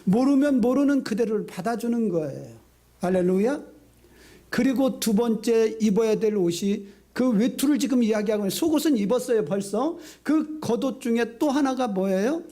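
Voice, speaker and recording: A middle-aged male pastor giving a sermon, telling stories with lively swings between high excited and low hushed delivery. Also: normal speed. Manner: lively storytelling, acting out quotes. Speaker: senior pastor.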